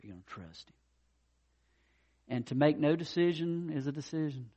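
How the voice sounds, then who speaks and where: A man's voice: a little high, animated, moderate pace. Emphatic man preaching a sermon. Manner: emphatic preaching, swinging from loud declarations to quiet asides. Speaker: pastor.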